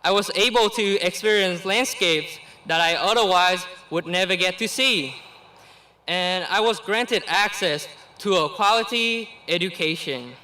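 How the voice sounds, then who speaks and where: The audio is poor, but you can hear a bright, high-voiced young man from Vietnam reading a graduation speech he has prepared. A native Vietnamese speaker in his late teens, he lets each phrase land slowly and with care. The delivery is earnest and deliberate, with a brief laugh every so often.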